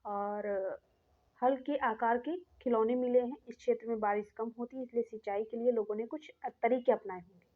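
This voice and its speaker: A woman's voice: a little high, fairly even intonation, normal speed. A woman teaching an exam-prep lesson, reading out questions and explaining each answer step by step to her students. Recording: tinny phone-like sound.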